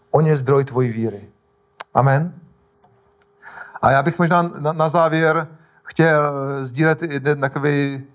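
A man's voice: a little high, dull audio. A male pastor preaching a sermon in a conversational way, often stopping to restart and correct himself.

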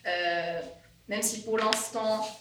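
A nineteen-year-old man with a Swiss French accent giving strong opinions in a roundtable, halting with fillers and laughing. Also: high-pitched, fairly even intonation. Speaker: youth group assistant leader. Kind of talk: casual roundtable discussion. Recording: roomy, distant mic, faint noise.

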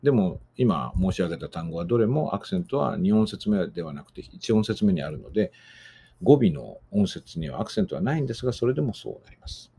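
A man's voice: sits low, sing-song, a little fast, vocal fry, dark tone, slightly rough. A man hosting a podcast lecture on singing diction, explaining rules patiently with frequent fillers. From Japan. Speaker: voice teacher and podcast host.

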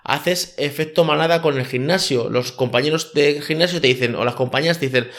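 Man, slightly high voice. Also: fairly quick, fairly bright tone. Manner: hesitant, frequent "eh" fillers. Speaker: life coach. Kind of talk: casual podcast monologue.

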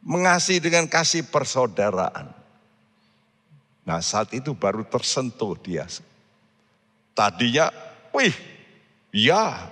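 A man's voice: medium pitch, big pitch swings, slow pace, pauses often, pushed and bright, in a large hall. A man preaching a sermon, earnestly and often addressing the congregation directly. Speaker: pastor.

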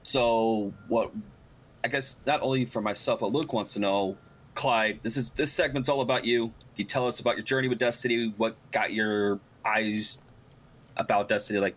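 A man's voice: lowish voice, fairly bright tone, rough recording. A man co-hosting a casual gaming podcast, a bit nervous and fumbling, cracking jokes. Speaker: podcast co-host.

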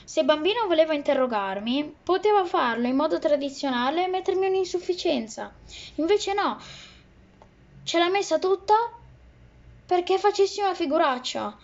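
A woman's voice: very high voice, expressive, moderate pace, dull audio, voice pushed up. A woman voicing an angry schoolboy who complains indignantly about a teacher.

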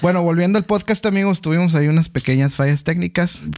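Relaxed man hosting a podcast. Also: sits high, fast. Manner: relaxed, easygoing, with frequent backchannels. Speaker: podcast host. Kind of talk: casual podcast chat.

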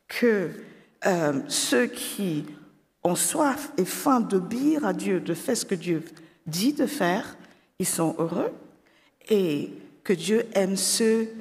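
Slow gravelly storyteller in a reverberant hall. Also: medium pitch. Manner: hesitant, with frequent fillers.

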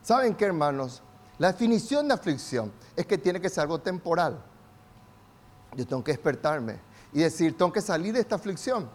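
A man delivers a sermon in a very high voice. He calls on the congregation to repeat after him, and his delivery climbs to shouting. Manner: call-and-response preaching, builds to shouts. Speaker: pastor.

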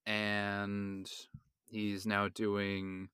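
A man's voice: on the low side, completely flat delivery, extremely slow, sharp tone, smooth, no echo, clean studio sound. A man co-hosting a casual comics podcast, speaking in a matter-of-fact, teasing way. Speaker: podcast co-host.

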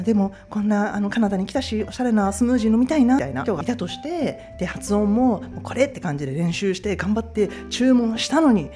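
A woman's voice: medium pitch, mellow. A woman from Japan, hosting in a chatty, casual storytelling style, with many fillers. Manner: chatty, lots of fillers, acts out quotes. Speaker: host.

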